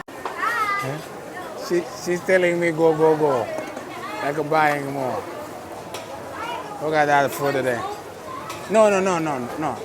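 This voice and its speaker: His slightly high voice swings widely in pitch, slow and broken by long pauses, as this Texan vlogger narrates a casual walk through an outdoor night food court, often exclaiming in amazement. Crowd noise and traffic fill the crowded street market recording.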